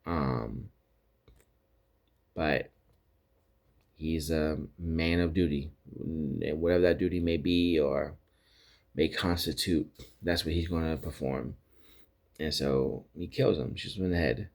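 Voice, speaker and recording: Very deep-voiced man casually recapping TV. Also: takes it slowly, pauses often. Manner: rambling retelling with many restarts and quoted lines. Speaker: podcast host recapping TV episodes.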